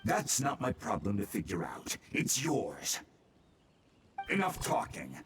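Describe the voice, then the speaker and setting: An actor voicing a menacing, short-tempered bandit kidnapper in a video game, with a sneering, theatrical delivery. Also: male voice, on the low side, huge pitch swings, slow pace, recorded from a distance, slight background noise, heavily acted. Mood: sneering menace. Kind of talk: English video game voice acting.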